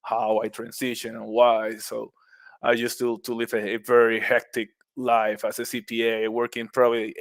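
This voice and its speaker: A middle-aged Puerto Rican man, a guest on a podcast who owns a mushroom business, chats casually at a normal speed with a Puerto Rican accent. His pitch stays flat and even, his tone is friendly, he laughs easily and often restarts words, and the close, dry recording has no echo.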